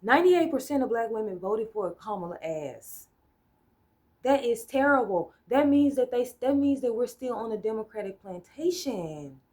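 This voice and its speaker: Animated and speaking at normal speed, this American woman has a fairly high voice with a darkish tone. Vlogging solo, she rants casually about politics, bluntly and with profanity, wandering off track and testing ideas with hypotheticals and repeated "right?" checks.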